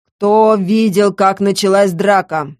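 A woman voicing a stern, commanding male leader who speaks slowly and gruffly. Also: fairly low pitch, fairly even intonation, darkish tone, no room sound, studio quality, natural voice. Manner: gruff, slow, authoritative.

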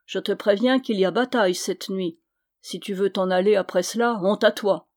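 A woman reading the lines of a blustering, swearing medieval knight, loud and exclamatory. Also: medium pitch, fairly even intonation, normal speed, close to an everyday voice.

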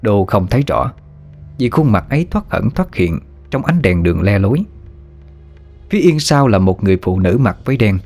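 A man reading a ghost story aloud in a steady, measured narration, over faint music. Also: lowish voice. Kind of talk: scripted horror story narration.

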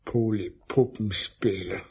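A man's voice: fairly low pitch, slow pace, breathy edge, full character voice. A man playing a resigned, sad old puppeteer father in an audio drama, with a southern German accent. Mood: weary, resigned.

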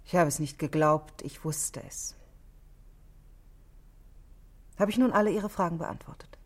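In a 1960s German radio drama, a married woman under police questioning speaks in a voice low for a woman, a little fast. Controlled and matter-of-fact, she lays out each detail with cool precision, her mood cool and defiant.

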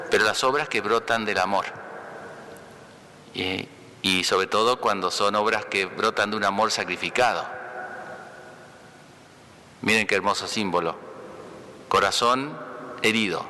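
Male priest, homily, very bright and forceful tone, conversational with frequent check-ins, long church reverb. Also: fairly low pitch. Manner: conversational, asks "¿no?" for agreement; pauses and restarts mid-phrase. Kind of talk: spoken homily.

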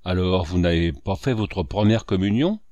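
Man doing a low, grave country priest, kindly but stern, storybook read, dry close sound. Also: normal speed, mellow, dry recording, lo-fi sound, close to an everyday voice. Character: gentle but firm older village priest. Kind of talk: audiobook character reading.

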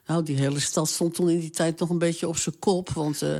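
A woman's voice: low voice, steady tone, a little fast, mellow. An older woman being interviewed, recalling her late partner in a hesitant, plain-spoken way with many fillers. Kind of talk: casual reminiscing conversation.

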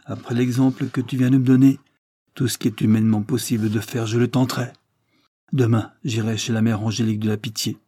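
A man plays a grave old duke, a rugged father who speaks in a solemn, measured way. His voice is dark and husky, and it is recorded dry and close. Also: medium pitch, level tone, no echo, lightly acted. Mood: determined.

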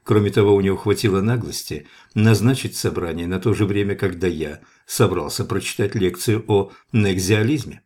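A man reading the lines of an earnest, sharp-tongued young male scientist with an ironic, argumentative manner. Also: deep voice, moderate pace, few pauses.

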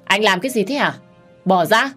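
A woman voicing a brisk hospital nurse who talks in a firm, curt way. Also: mid-range voice, expressive, fairly bright tone, faint music behind, pitched above the performer's own voice, natural voice.

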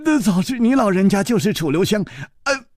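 A man's voice: sits high, animated, fairly quick, dry recording, clean studio sound, voice pushed up. A man voicing a timid, tearful young male servant who stammers and pleads.

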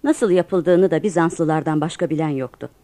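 A woman's voice: low-pitched, normal speed, dark tone, close to an everyday voice. A woman in a radio play as a patient storyteller, narrating history for children. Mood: storytelling.

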